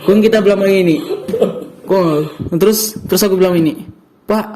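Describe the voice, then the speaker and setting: A young man from North Sulawesi, Indonesia, speaking with a Manado Malay accent, shares his personal testimony as an interview guest. He tells it like a story, acting out quoted dialogue and restarting often. His voice is high, steady and brisk, with a crowd audible behind him.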